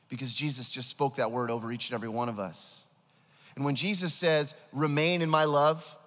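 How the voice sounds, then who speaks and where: Long reverb from a large hall surrounds a pastor in his thirties, who preaches emphatically from the stage on a headset mic. His voice sits high and has a slightly bright quality.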